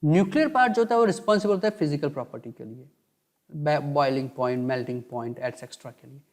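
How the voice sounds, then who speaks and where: A man teaching a chemistry lecture in Hindi mixed with English terms. He asks and answers his own questions and dictates notes slowly. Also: mid-range voice. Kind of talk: online lecture.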